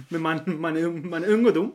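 A young man from Chile, with a voice pitched somewhat high for a man, co-hosts a relaxed podcast conversation. He tells stories with animation, acts out the lines, and laughs often. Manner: laughs often, animated storytelling with acted-out quotes. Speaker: podcast co-host. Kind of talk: casual chat.

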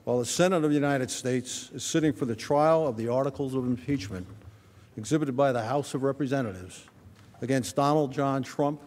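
A man's voice: medium pitch, brisk, a little mellow. A man making a formal ceremonial proclamation, calling out in a declamatory town crier manner. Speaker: official proclaiming opening of Senate session. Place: large indoor legislative chamber. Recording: echoey large hall.

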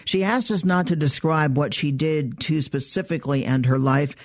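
A man reads a scripted radio news report in a measured, even way, his voice slightly high for a man. The sound is dry and close, with no room in it. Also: no room sound.

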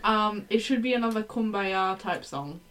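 A woman's voice: mid-range voice, moderate pace, fairly bright tone, low-quality recording. A woman co-hosting a podcast, chatting casually and acting out characters' lines in playful asides. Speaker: podcast co-host. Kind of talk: casual chat plotting a musical.

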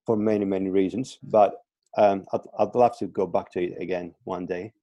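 Low and warm, this man's voice holds a steady tone at normal speed as he talks on a casual podcast. He's a Greek strength and conditioning coach in his thirties from Crete, using English as a second language with a Greek accent and hesitating with fillers and repeated words. The sound is lo-fi, with no room sound.

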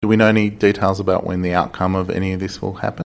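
A man, co-hosting a local podcast, relaxed, asking questions and adding brief comments. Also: sits low, racing, creaky. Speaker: podcast co-host. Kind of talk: casual chat.

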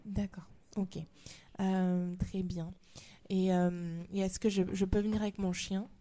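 A woman making a prank phone call for a radio show, halting and full of fillers. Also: medium pitch, flat delivery, mellow. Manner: hesitant on the call, bursts of laughter-laden chatter after.

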